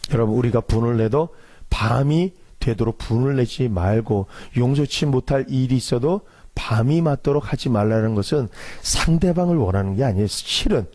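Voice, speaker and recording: A man who is a pastor, delivering an animated sermon and acting out quarrels in a raised voice. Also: medium pitch. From Korea.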